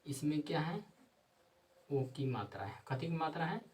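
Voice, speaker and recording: Teacher, off-mic. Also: male voice, fairly high pitch, very animated, darkish tone, recorded from a distance, low-quality recording. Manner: repetitive, asks and answers his own questions; dictates slowly word by word. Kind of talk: grammar lesson at a board.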